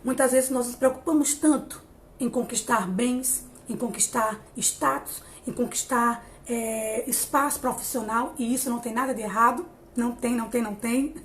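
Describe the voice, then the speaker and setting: A woman in her late thirties speaks to a live-stream audience in an encouraging, chatty way. Her voice sits fairly high, and she often stops, repeats a word, and starts her sentence again. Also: normal speed, slight background noise. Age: 30s. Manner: warm, encouraging, many hesitations and restarts. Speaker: psychologist hosting a live stream. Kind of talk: casual live-stream talk on emotional growth.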